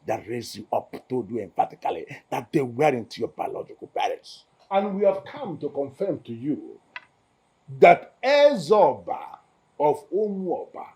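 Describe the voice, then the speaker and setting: An actor with a Nigerian accent playing a solemn village elder who lectures and insists. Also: male voice, mid-range voice, wildly swooping pitch, a little slow, a little mellow, breathy edge, exaggerated voice. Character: solemn older male elder of the council.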